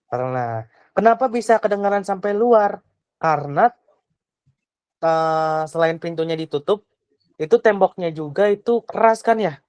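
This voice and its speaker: A woman's voice: lowish voice, animated, unhurried, long pauses, darkish tone, dry recording, low-quality recording. A young woman tutoring a child, patient and full of questions, often trailing off with a casual tag. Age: young adult. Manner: patient, asks many questions, trails off with "gitu". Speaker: private tutor. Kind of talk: online tutoring lesson.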